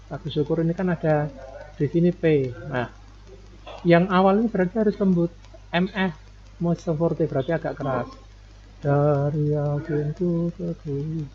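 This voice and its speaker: Guy teaching music, kinda high voice, patient explainer, dull lo-fi audio. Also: a little hiss or hum. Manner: patient, explanatory, sings short phrases to demonstrate. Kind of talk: classroom lecture explaining slides.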